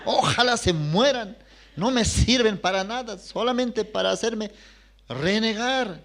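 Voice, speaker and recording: A worn-out, exasperated mother of thirteen, put on by a male preacher scolds her children in a raised, strained voice. The pitch rises above his normal speaking voice and swings widely as the scolding builds. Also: big pitch swings, unhurried, bright, forceful tone, full character voice.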